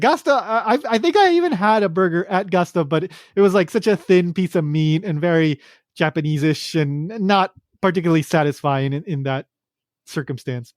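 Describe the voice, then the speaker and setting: A man's voice: fairly high pitch, no echo, studio quality. A man hosting a podcast, talking casually and rambling with many fillers and restarts. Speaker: podcast host.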